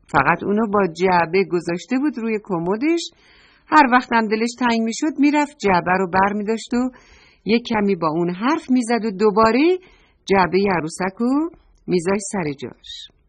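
Woman telling a children's story. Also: medium pitch. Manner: warm and animated, addresses the children directly. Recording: dull lo-fi recording.

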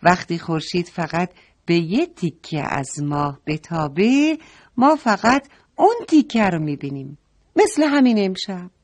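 A woman's voice: lowish voice, sing-song, darkish tone. A woman voicing a kind mother who patiently explains things to children in a story. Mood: gentle teaching. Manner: patient, explaining, asking questions.

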